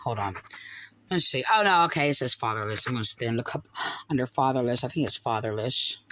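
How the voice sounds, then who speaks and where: A woman's voice: very deep voice, animated, fast, fairly bright tone, poor audio. A middle-aged woman talking casually into a phone held close in a dim room, commenting on scripture with many fillers, restarts and hesitations. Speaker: video commentator. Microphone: phone held close to face.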